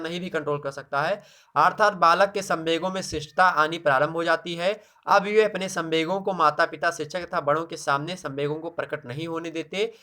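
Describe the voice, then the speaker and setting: A man's voice: fairly high pitch, fairly bright tone. A man delivers a classroom lecture. He talks through his points loosely, frequent fillers and restarts, and grounds them in everyday examples. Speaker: teacher. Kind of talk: exam-prep lecture on child psychology.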